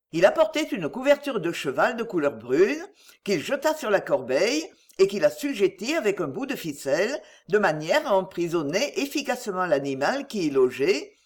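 Expressive audiobook narrator, lively pitch. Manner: measured, expressive storytelling.

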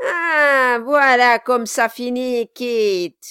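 A woman's voice: a little high, extremely slow, sharp tone, smooth, no echo, clean studio sound, pitched above the performer's own voice, heavily acted. A woman voicing a hideous, gleeful dwarf man who jeers and cackles with mocking laughter. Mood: jeering glee. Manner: shrieking, jeering with cackling laughs.

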